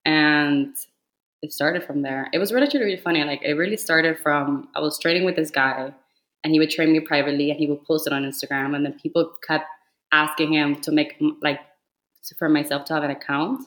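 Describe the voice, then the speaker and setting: A Cuban woman in her twenties, a fitness influencer, chats casually as a podcast guest with a slight Cuban Spanish accent and plenty of "like" fillers. Her voice is low and a bit bright, fairly even in intonation, and brisk, though the audio is poor.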